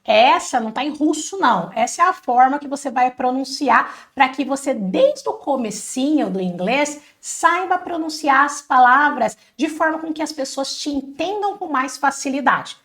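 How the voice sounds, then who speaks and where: A woman from Brazil teaching an English lesson, energetic, talking straight to viewers and drilling phrases for them to repeat. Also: sits high, normal speed, few pauses. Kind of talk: casual online language lesson.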